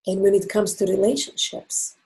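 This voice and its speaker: A Croatian-accented woman, native in Croatian, earnestly explains relationship advice as an interview guest, using emphatic pauses. Her mid-range voice has vocal fry and is a little mellow.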